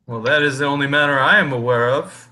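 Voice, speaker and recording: A man's voice: mid-range voice, quick pace, sharp tone. A man voicing a haughty, grumpy old talking tree that speaks pompously in a tabletop game. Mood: musing.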